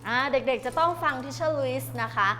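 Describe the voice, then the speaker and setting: A woman's voice: high-pitched, measured pace, soft background music. A female primary school teacher in a classroom, patiently explaining an activity to young children. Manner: patient, gentle explaining with polite particles. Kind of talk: classroom instruction.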